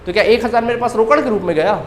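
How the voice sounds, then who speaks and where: A man's voice: sits high, racing, roomy sound, slight background noise. A male accountancy teacher giving a classroom lecture, firing questions at students and answering them himself, repeating key terms.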